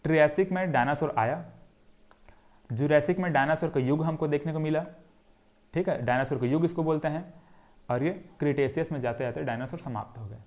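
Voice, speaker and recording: Speaking a little fast, this young male geography teacher has a somewhat high, darkish voice. He lectures as if to a class, sketching on a board and drilling through questions he poses and then answers on his own.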